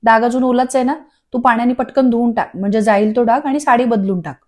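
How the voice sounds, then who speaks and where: A woman's voice: fairly high pitch, steady tone, fast talker, a little mellow, close to an everyday voice. A woman voicing a patient, dutiful young daughter who speaks soothingly.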